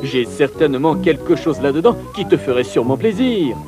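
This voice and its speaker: A man voicing a brisk snowman peddler in a children's cartoon, with an offhand salesman's patter. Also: on the high side, expressive, music in the background, lightly acted. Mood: wheedling.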